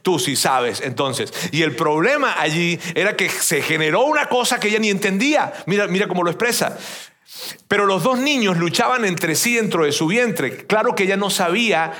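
A man in his fifties, a pastor from Venezuela, preaches to a church congregation in a loose, chatty way. His voice sits high for a man. He stumbles over and repeats words and keeps turning to the listeners with little questions. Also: lively intonation, moderate pace, sharp tone. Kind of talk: conversational sermon.

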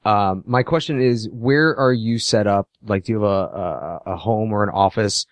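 A man's voice: lowish voice, moderate pace, no echo. A man playing a tabletop role-playing game, asking earnest questions. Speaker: player.

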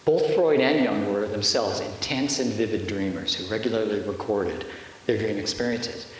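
A man giving a measured, explanatory lecture-style narration. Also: fairly low pitch. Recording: echoey hall with faint hiss.

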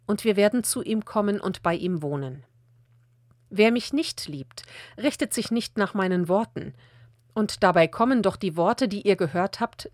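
Calm and measured, a woman reads scripture aloud from a script as a Bible reader, her pitch sitting in an ordinary middle range. It's a close, dry recording without any room sound.

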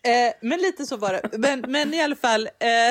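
Halting female podcast co-host. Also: fairly high pitch. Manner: halting, many restarts and repeated words. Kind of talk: casual podcast chat.

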